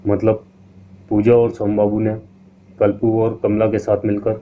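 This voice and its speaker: A man narrating a scripted horror story in a steady storytelling manner. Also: lowish voice, measured pace. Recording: tinny lo-fi line with faint hiss.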